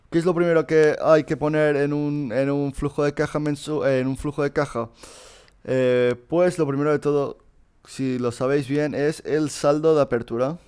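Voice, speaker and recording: Fairly high in pitch yet darkish, his clear, resonant, clean voice carries a laid-back screen-recorded lesson solving an earlier exam. He speaks to the students directly in a chatty way, dotted with "eh," fillers and restarts.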